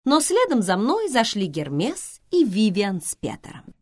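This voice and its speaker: A woman's voice: mid-range voice, huge pitch swings, a little slow. A woman narrating a novel aloud, voicing each character expressively.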